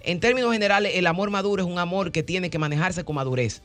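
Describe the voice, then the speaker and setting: A woman hosting a radio talk show, explaining with animated role-played examples. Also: lowish voice, fast, soft background music. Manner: animated, acts out callers' voices, teasing.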